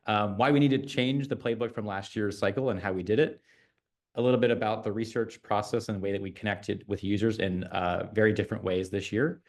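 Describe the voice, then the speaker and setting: A man's voice: fairly low pitch, steady tone, fairly quick, a little mellow. A man giving a conference presentation as a designer, speaking in a chatty way with many fillers and restarts.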